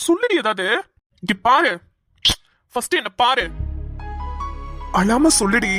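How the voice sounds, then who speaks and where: A woman's voice: fairly high pitch, sing-song, unhurried, a bit bright, soft background music. A woman voicing a caring but pushy young woman in a cartoon, pressing questions. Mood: insistent. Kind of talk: cartoon voice acting.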